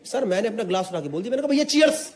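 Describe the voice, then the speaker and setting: A young man from Delhi NCR performing an animated stand-up set, chatting directly with a live audience. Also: high voice, very fast. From Delhi NCR, India. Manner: animated, chatty, keeps addressing the audience as brother. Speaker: stand-up comedian. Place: comedy stage before a live audience. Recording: echoey live venue, crowd noise.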